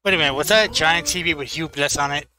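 A man's voice: fairly high pitch, quick pace, pushed and bright. A man co-streaming a game, chatting in a goofy, chatty way. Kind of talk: live gameplay banter. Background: game music.

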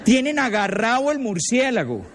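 Colombian male speaker, high voice, animated storyteller, long hall reverb. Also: normal speed, slight background noise. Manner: lively storyteller acting out quoted voices. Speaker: retreat leader. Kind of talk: lecture to parents with anecdotes.

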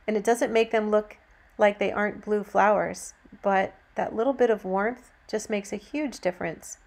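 Female painting teacher, mid-pitched, gentle and encouraging, narrating a step-by-step demo. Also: steady tone, moderate pace, vocal fry. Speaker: painting instructor. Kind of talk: instructional demonstration narration.

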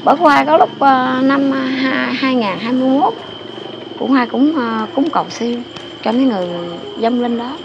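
A woman's voice: high-pitched, steady tone, normal speed, vocal fry, highs cut off. An older woman tells local stories in a rambling, emphatic way, repeating her phrases. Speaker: interviewee telling local lore. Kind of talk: casual storytelling. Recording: noisy outdoor ambience with passing vehicles.

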